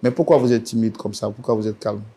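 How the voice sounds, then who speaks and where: A man hosting a studio talk show, speaking formally with measured pauses. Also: fairly low pitch, fairly even intonation, warm tone, slight background noise. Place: TV studio set.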